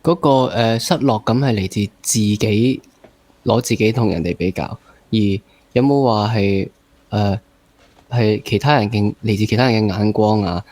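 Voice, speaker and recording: A man with a Hong Kong accent hosts a casual interview in a lowish, slightly mellow voice at a moderate pace. He probes and rephrases at length, piles up examples, and mixes in English.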